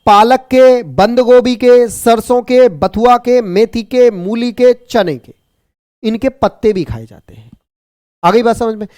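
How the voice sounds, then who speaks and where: A man teaching an online exam-prep class, brisk and repetitive, teasing and jokingly scolding his students. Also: very high voice, darkish tone, clean tone, no echo, clean studio sound.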